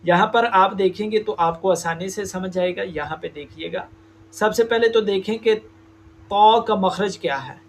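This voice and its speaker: Slow, high-voiced man teaching recitation. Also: gravelly, slight background noise. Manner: slow, deliberate explanation with drawn-out demonstrated sounds. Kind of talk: tajweed lesson.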